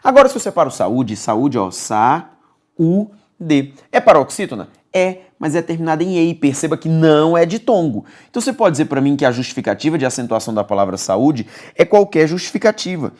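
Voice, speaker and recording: At a normal speed and with a voice on the high side, a Brazilian-accented man leads an exam-prep grammar class. His style is lively and coaxing, and he repeats key words while often asking his students "beleza?"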